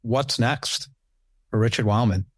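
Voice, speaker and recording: A man's voice: mid-range voice, measured pace, no room sound. Dry-sounding male podcast host. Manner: affirming, eager interjections, earnest thanks. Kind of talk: podcast interview.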